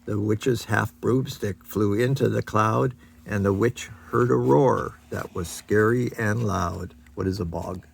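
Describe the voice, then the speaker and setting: Gravelly grandpa reading a picture book. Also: male voice, lowish voice, measured pace. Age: older. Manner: chatty asides about the pictures.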